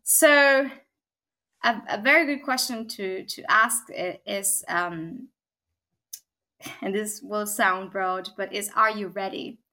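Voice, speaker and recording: As a podcast guest, the woman, a technology consultant from Argentina, thinks aloud with many pauses, fillers and restarts, repeatedly asking "right?". She speaks at a medium pitch with a sharp tone.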